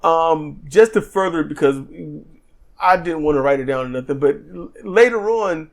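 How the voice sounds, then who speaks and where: A man's voice: on the high side, normal speed. A man co-hosting a podcast, casually recapping a wrestling show with lots of ums and restarts, acting out what people said. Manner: rambling recap with frequent ums and restarts, acts out quotes. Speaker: podcast co-host. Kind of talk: casual wrestling review chat.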